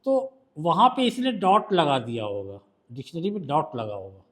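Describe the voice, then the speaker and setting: A man's voice: a little high, wildly swooping pitch, moderate pace. A male shorthand teacher with a Hindi accent, patiently quizzing a student during one-on-one tutoring.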